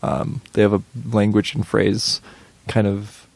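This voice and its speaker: Young guy co-hosting a chatty podcast, kinda low voice, lots of ums, dry close mic. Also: monotone, unhurried, vocal fry, darkish tone, no echo. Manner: hesitant, many fillers and restarts, laughs easily. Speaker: podcast co-host. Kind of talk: casual chat.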